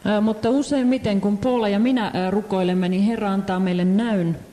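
Sermon interpreter, mellow tone, halting delivery, echoing hall. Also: mid-range voice, fairly even intonation. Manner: hesitant, many fillers and restarts. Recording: echoey hall.

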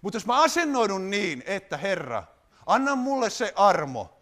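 A man preaching a sermon, animated, putting rhetorical questions to his congregation. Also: high voice.

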